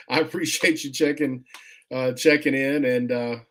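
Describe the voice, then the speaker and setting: Laid-back guy rambling through an unboxing, um-ing a lot, mid pitch, keeps thanking folks in chat. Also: a little slow. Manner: relaxed, rambling, many fillers and restarts; friendly, thanks viewers often. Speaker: comic collector vlogger, host. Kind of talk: casual unboxing chat, reading viewer comments.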